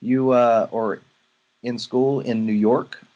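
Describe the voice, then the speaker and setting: A man's voice: medium pitch, little pitch movement, slow, dark tone, lo-fi sound. A man from Louisiana with a Southern accent, mentoring someone in a rambling, filler-heavy chat over a video call. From Louisiana, USA. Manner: rambling, many fillers and restarts. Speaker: photography mentor. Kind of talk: casual video-call conversation.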